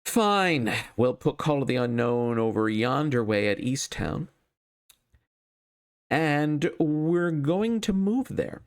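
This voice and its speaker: A man's voice: fairly high pitch, big pitch swings, slow pace, smooth. A man thinking aloud as he hosts a solo card game playthrough, casual and wryly self-deprecating.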